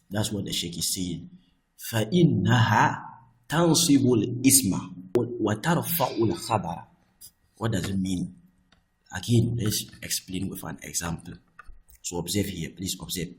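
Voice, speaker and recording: A man's voice: deep voice, poor audio. A man teaching Arabic grammar in English, explaining a classic text and often restarting his phrases and repeating words.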